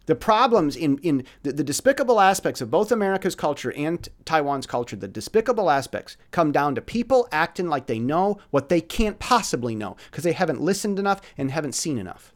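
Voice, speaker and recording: A man giving a casual, reflective monologue of life advice, earnest, often restarting his words and swinging between louder and softer passages. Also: a little high, sing-song, brisk, few pauses.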